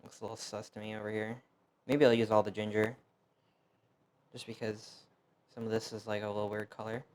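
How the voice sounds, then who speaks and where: The speaker is a young man from the United States, first language Fuzhounese, whose lowish voice stays fairly level and a little mellow as he talks briskly. It's loose cooking-stream chat, packed with fillers and self-deprecating asides.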